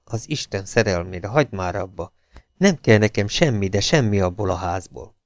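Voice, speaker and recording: A man's voice: on the low side, lively intonation, no echo, studio quality, lightly acted. A man voicing a bitter, angry man who speaks curtly and harshly. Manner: curt, harsh delivery. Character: bitter, angry middle-aged man, curt and cold.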